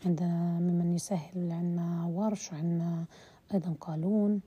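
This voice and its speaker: A woman giving a voice-message lesson on Quran recitation terms, explaining slowly with hesitations and drawn-out example words. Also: lowish voice, little pitch movement, dark tone, slightly rough, dull audio.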